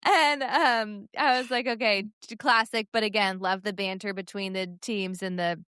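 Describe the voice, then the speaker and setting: A woman's voice: medium pitch, steady tone, moderate pace, pushed and bright, clean tone, no room sound, clean studio sound. A woman co-hosting a podcast, chatting casually about sports with many fillers and laughs. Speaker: podcast co-host.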